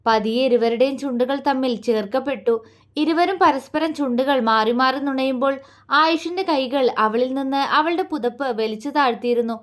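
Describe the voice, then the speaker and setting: Woman storyteller, high-pitched, tender romantic narration. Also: normal speed.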